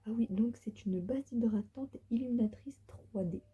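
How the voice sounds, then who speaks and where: A tired woman whispering softly through a casual beauty unboxing vlog from the floor of her bedroom. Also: fairly high pitch, normal speed, slightly rough, lo-fi sound. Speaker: beauty vlogger.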